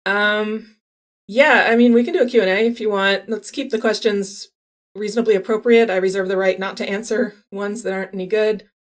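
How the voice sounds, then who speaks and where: A woman's voice: mid-range voice, fairly even intonation, a little fast. A woman in her forties chatting casually with viewers on a live stream, laughing often and restarting her sentences. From California. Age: 40s. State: a little out of breath.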